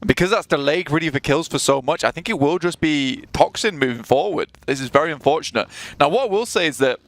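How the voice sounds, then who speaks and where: A man's voice: a little high, animated, quick pace. A man giving live esports commentary, chatty analysis with frequent restarts. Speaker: esports caster.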